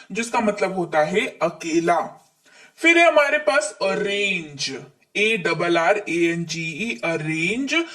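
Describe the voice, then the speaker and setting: Male teacher, high voice, recorded a bit off-mic, drills words with rhetorical questions. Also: a bit bright, far from the mic. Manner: repeats and quizzes viewers with rhetorical questions. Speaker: English teacher. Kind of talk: online spelling lesson.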